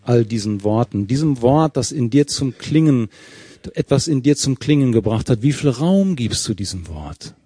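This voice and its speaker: A preacher with a mellow, slightly husky voice, recorded close and dry. He works through a scripture passage verse by verse and keeps turning to the congregation with questions. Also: medium pitch, animated, normal speed, dry recording. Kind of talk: sermon.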